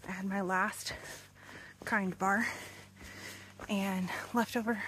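On a wooded mountain trail, a young thru-hiker vlogs casually into a phone held at arm's length, sometimes puffing from the climb. Her mid-range, slightly bright voice moves slowly with fairly even intonation, and a little hiss or hum sits in the recording.

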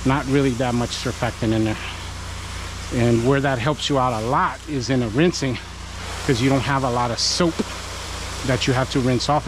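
A man hosting a work vlog, chatting and coaching viewers while he washes a house outdoors. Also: mid-range voice. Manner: chatty, encouraging, talks to viewers while working. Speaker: pressure washing business owner and channel host. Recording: noisy outdoor recording.

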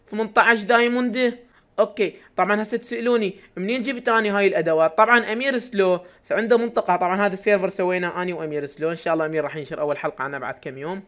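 A young man with an Iraqi Arabic accent, giving excitable live commentary to his viewers while playing a game, with sudden loud exclamations. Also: high voice. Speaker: gaming YouTuber.

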